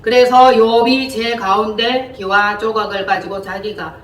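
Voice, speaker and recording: A woman's voice: mid-range voice, measured pace, slight background noise. Lady teaching a bible class, chatty, keeps asking the room questions, far off mic, echoey. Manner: lively, colloquial, quizzes listeners. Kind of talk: interactive Bible lesson.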